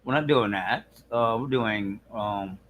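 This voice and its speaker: A man's voice: on the low side, takes it slowly, a bit bright, a little hiss or hum. A man hosting a live stream, chatting casually with viewers in crude, profane banter and mumbling to himself while he clicks around. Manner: mumbles while fiddling with screen. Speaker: livestream host.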